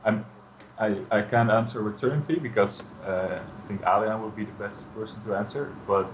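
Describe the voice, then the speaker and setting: A very deep-voiced man answers interview questions as a game developer. He speaks cautiously, filling gaps with uh, and there is clear noise behind him. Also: steady tone, brisk, low-quality recording. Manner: hesitant, many uh fillers, cautious. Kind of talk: casual interview chat.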